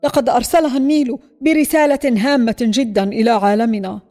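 A woman's voice: on the high side, fairly even intonation, quick pace, dark tone, long reverb tail, natural voice. A woman voicing an eager, determined young boy in a children's storybook reading.

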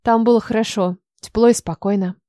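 A woman's voice: fairly high pitch, fairly even intonation, a little fast, mellow, dry recording, studio quality. A woman narrating a first-person audiobook in a wry, ironic manner.

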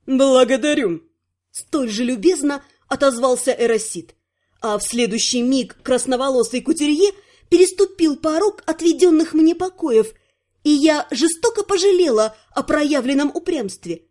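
Brief: female audiobook narrator, high and mellow, expressive first-person fantasy reading. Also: normal speed.

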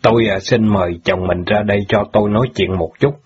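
Man playing a husky, bitter jilted husband. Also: lowish voice, darkish tone. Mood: reproachful. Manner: reproachful, pleading, quick to anger. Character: bitter grieving ex-bandit husband, middle-aged. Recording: dull lo-fi audio.

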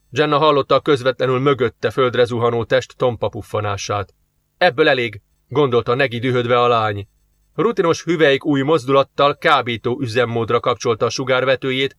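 A man narrating an action-packed science fiction audiobook in a steady storytelling manner. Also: medium pitch, no room sound. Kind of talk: scripted narration.

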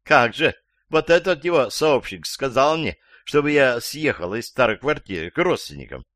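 An excitable old woman witness, put on by a male audiobook reader sits high above his own voice and flings shrill accusations. She is suspicious of everyone in the room. The recording is dry and close. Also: moderate pace, no room sound. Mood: agitated. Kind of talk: audiobook character voice.

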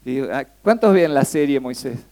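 A man's voice: medium pitch, normal speed, vocal fry. A young man with a Rioplatense accent preaching a sermon, talking conversationally and peppering the congregation with questions. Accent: Rioplatense Spanish. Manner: asks the congregation frequent questions, lively and conversational.

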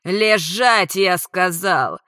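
A woman voicing a menacing male villain who speaks in slow, drawn-out, loud threats. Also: mid-range voice, dry recording, clean studio sound. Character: menacing predatory young man, villain.

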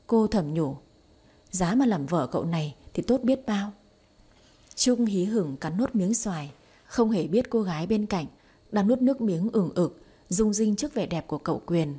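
A woman narrates a romance story in a steady, even storytelling manner. Her voice is mellow and dark with a husky edge. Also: mid-range voice.

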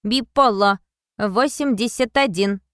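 A woman voicing a small rusty toy space robot in a storybook, speaking in slow, clipped, mechanical words. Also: mid-range voice, fairly bright tone, dry recording, clean studio sound, voice pushed up. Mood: robotic. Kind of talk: storybook reading.

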